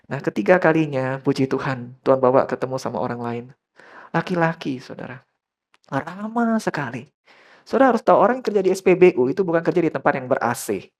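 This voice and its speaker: Man, pastor, church sermon, storytelling, very lively pitch swings, turns to listeners often, drops in English phrases. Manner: storytelling, often addressing listeners as brothers and sisters; mixes English phrases into his talk.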